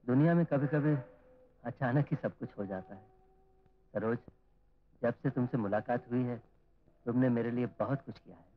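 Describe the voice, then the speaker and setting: An actor playing a gentle, guilt-ridden young man who speaks in an earnest, apologetic way, on a tinny old film soundtrack. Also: mid-range voice, normal speed, long pauses, lightly acted.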